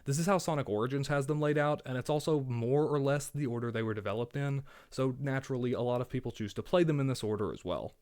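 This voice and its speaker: A man narrates a scripted video essay reviewing a game, dropping in wry, sarcastic asides. His mid-range voice is slightly mellow and sounds worn down by a cold.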